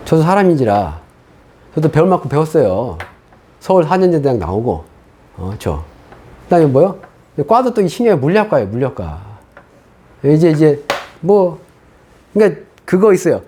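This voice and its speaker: A middle-aged man preaching a sermon as pastor, telling his own story in an animated way and acting out what he once said. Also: a little high, moderate pace, long pauses, breathy edge. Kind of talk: sermon testimony.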